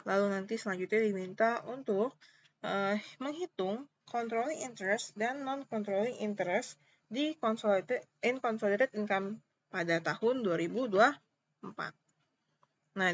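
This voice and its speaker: At a moderate pace, a woman lecturer in accounting with an Indonesian accent goes through things informally, one step at a time, repeating the key points and checking in with short questions. Her voice is bright and forward at an average pitch for a woman, and the slightly muffled lo-fi recording carries a little hiss or hum.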